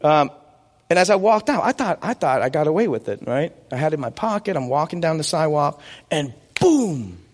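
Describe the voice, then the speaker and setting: A very animated, brisk man with a slightly high voice preaches a sermon full of personal stories and questions he then answers. He's in his forties, based in the United States, with Vietnamese as his native tongue. The recording is drenched in long hall reverb.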